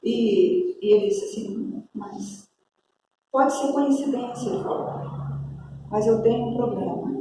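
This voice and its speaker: A Brazilian woman pastor preaching a sermon, telling a story with lively acted-out dialogue. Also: on the high side, a little slow, pauses often, noisy background. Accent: Brazilian Portuguese. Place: church hall. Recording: echoey church hall, distant mic.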